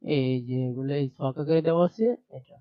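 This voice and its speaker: A man's voice: medium pitch, steady tone, brisk, clear, resonant tone, no room sound, dull audio. A man teaching a primary class over a shared screen, explaining step by step and repeating letter sounds aloud. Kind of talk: screen-share textbook lesson.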